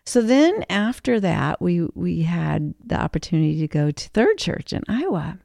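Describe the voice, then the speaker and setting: A woman co-hosts a faith podcast and tells a personal story earnestly. Her voice is mellow and warm with a gravelly fry. The sound is dry and close. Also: lowish voice, sing-song, moderate pace, no echo. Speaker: podcast co-host. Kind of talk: faith-based conversational podcast.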